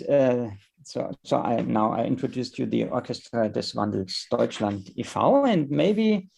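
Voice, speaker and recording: Gravelly German-accented man presenting. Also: medium pitch, darkish tone. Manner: halting, searching for words. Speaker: conference speaker. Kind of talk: conference presentation.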